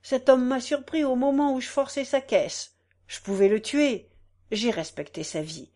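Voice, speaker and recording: A woman voicing a broken old beggar back from prison, speaking low and bitter in a storybook reading. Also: normal speed, warm tone, natural voice. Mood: weary.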